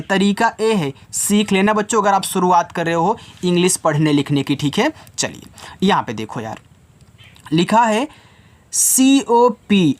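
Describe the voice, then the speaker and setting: A man teaching English reading in a casual lesson. He spells words out slowly, letter by letter, and his voice drops low at the end of phrases.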